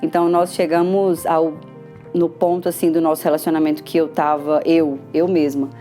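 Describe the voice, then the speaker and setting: A woman's voice: deep voice, moderate pace, soft background music. Emotional Brazilian woman telling her story. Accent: Brazilian Portuguese. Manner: emotional, lively retelling with quoted dialogue. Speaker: patient giving a testimonial. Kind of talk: personal testimonial storytelling.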